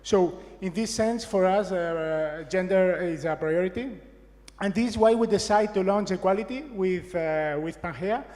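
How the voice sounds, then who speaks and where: Corporate male speaker, stop-start delivery, higher register, big reverberant hall. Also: a little mellow. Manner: halting, many restarts and fillers. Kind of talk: conference talk. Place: large conference stage.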